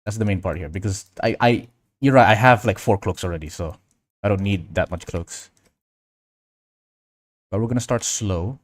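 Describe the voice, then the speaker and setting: Hosting a relaxed livestream tutorial, a man from Indonesia thinks aloud as he works and chats with viewers, reading out and answering their comments. His fairly low voice moves at normal speed with long pauses, captured in a dry recording.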